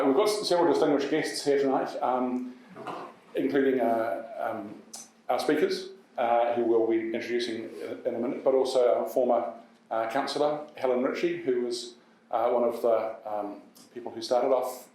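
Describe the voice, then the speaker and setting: New male MC, mid pitch, stumbling delivery, distant in a big reverberant hall. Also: steady tone, a little mellow. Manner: halting, many uhs and restarts. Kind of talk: hosting an event. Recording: echoey hall from far off.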